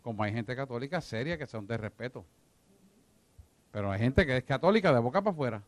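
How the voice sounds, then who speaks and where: A mid-range male voice with lively intonation moves a little fast, recorded without echo. He's teaching a discipleship class at church, emphatic and repetitive, regularly asking his listeners whether they're with him.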